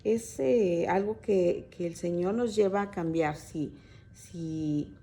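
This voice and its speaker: Mellow-voiced woman teaching with many fillers. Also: fairly low pitch, slow. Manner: hesitant, many fillers and restarts; conversational storytelling, addressing listeners as sisters. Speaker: women's Bible teacher at church. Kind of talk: informal sermon to a women's group.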